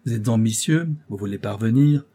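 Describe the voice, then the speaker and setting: A man's voice: lowish voice, fairly quick, dark tone, breathy edge. Man voicing a crafty old job broker. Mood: paternal. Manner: coaxing, ironic, lecturing. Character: crafty aging male job broker, paternal and scheming. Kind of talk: audiobook character voice.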